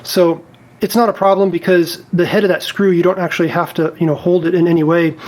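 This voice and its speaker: This man, whose voice sits slightly high, narrates a practical repair the way a technician might in a how-to video, going carefully and methodically through each step without a script. He speaks fairly quickly in a level, darkish tone.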